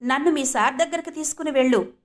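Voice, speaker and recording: A woman voicing a polite, poor-looking old man who speaks gently and patiently. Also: high voice, fast, pitched above the performer's own voice, natural voice. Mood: calm.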